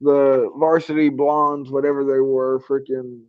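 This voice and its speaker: A man's voice: mid-range voice, little pitch movement, unhurried, smooth, no echo, phone-quality sound. A man co-hosting a wrestling podcast, talking bluntly and casually with plenty of slang. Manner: slangy, blunt, says "bruh" often. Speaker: podcast co-host.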